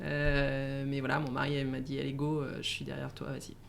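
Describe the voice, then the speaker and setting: A middle-aged woman, born in Italy and raised in France, answering interview questions in a halting way with many fillers and restarts. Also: rumbling low, monotone, vocal fry. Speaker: guest. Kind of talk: casual interview.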